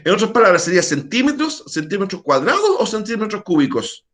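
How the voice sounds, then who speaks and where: Male math teacher on a video call, fairly high and animated, chatty, questions students. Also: fairly quick. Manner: quizzes students, chatty asides. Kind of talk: virtual math class.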